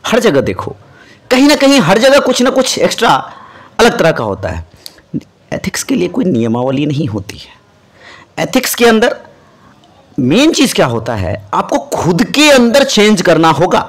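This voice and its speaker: A man teaching civil services exam students in a motivational lesson, talking to them directly and mixing in English phrases. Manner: animated, lively rises and drops in pitch and loudness.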